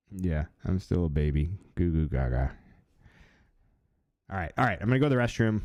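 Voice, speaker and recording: Low-voiced man chatting on a livestream. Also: no room sound. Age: 30s. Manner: relaxed, chatty, many fillers. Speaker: livestream host. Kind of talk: casual live-stream chat.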